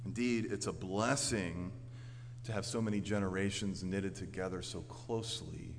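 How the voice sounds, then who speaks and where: Here an American pastor from Orlando, Florida, preaches in a deep voice with fairly even intonation at a moderate pace, and there's a little hiss or hum. His sermon echoes through a large hall, earnest and emphatic, moving from forceful declarations to quieter storytelling.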